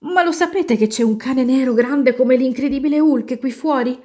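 A woman voicing an excitable young boy who is frightened and speaks in loud exclamations. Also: medium pitch, takes it slowly. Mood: excited fright.

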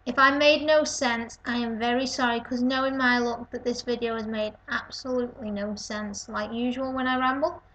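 On her webcam's built-in mic, with a little hiss or hum and a rough sound, a Lancashire-accented woman in her twenties from North West England rambles wearily and self-deprecatingly in a casual video response from her home kitchen. She talks at normal speed with few pauses, her voice a little high, fairly even and a bit bright.

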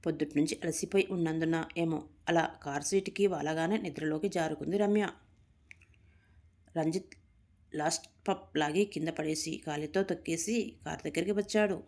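A woman's voice: low-pitched, moderate pace, darkish tone. A woman reading a story aloud, giving the characters' lines small lifts in her voice.

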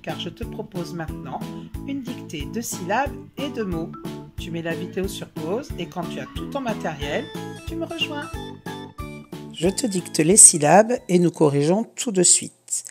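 A woman teaching a reading lesson to young children, giving slow, clear, encouraging instructions. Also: fairly low pitch, animated, over loud music. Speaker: primary school teacher.

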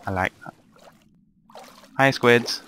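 A man's voice: medium pitch, slow, fairly bright tone, a little hiss or hum. A young man giving rambling, grumbling commentary over his own gameplay, often swearing to himself. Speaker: gamer narrating a let's play.

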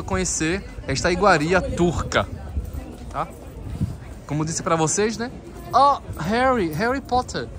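Amid the noise of a bustling outdoor Christmas market, a high-pitched Brazilian travel vlogger walks and chats casually, speaking with a Brazilian Portuguese accent. He talks to his viewers a lot and uses careful French when speaking with vendors.

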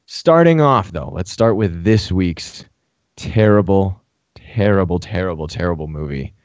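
A man's voice: deep voice, lively intonation, unhurried, no room sound, highs cut off. A man co-hosting a casual podcast, chatting with many fillers. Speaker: podcast co-host. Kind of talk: casual chat.

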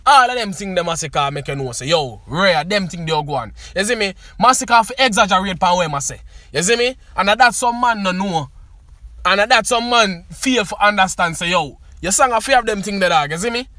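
A man's voice: sits high, animated, a little fast, sharp tone, no room sound. A man with a Jamaican accent giving a casual, emphatic review of a song. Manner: emphatic, keeps asking "you see me". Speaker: music reviewer.

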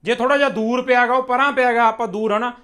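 In a steady tone, a young Punjabi teacher with a bright, high voice explains spoken English in Punjabi. He moves through the lesson patiently and clearly, one step at a time. His example sentences come slowly and deliberately, modelled with care.

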